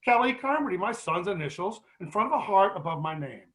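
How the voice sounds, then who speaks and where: A middle-aged man speaking as a guest at a grief support meeting, telling a story to the group in a casual, animated way with many restarts. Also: high voice, fairly quick, rough recording.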